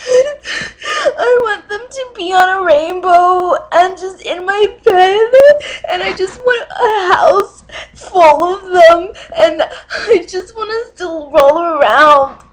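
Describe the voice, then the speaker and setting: A young woman playing a nervous, cat-obsessed dater in a comedy dating-video sketch, halting through ums and breaking into tearful sobs. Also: fairly high pitch, husky, heavily acted, rough recording. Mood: tearful, gushing.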